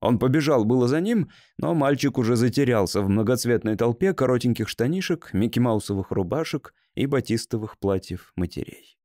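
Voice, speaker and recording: A man reading a story as an audiobook narrator, in a measured, even manner. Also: medium pitch, no room sound, studio quality. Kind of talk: scripted narration.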